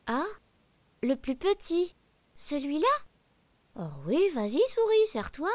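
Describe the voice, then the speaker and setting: A woman voicing a small, naive, generous gingerbread man in a storybook reading, sounding bright and innocent. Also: sits high, big pitch swings, a little slow, dry recording, pitched above the performer's own voice. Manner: bright, innocent, eager to please.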